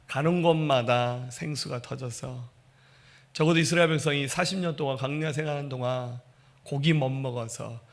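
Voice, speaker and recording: Gravelly-voiced Korean pastor preaching. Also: male voice, medium pitch. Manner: animated storytelling preaching, acting out quoted voices; addresses congregation directly. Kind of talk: sermon.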